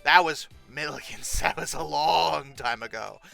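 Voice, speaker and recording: Reading aloud and tearing into it for laughs, the paleontology show host reacts with exasperated sarcasm and feigned indignation. The voice is mid-range, creaky, pushed and bright, and a little slow, over soft background music.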